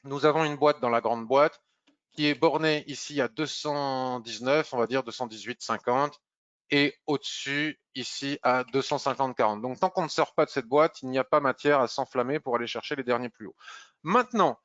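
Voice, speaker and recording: A man talks through trading charts in a loose, chatty way, often pausing with fillers. His mid-pitched voice comes through a dry, slightly dull mic with no room sound. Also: a bit bright, dry recording. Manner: chatty, hesitant with many "euh" fillers. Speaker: market analyst. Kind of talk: screen-share market review.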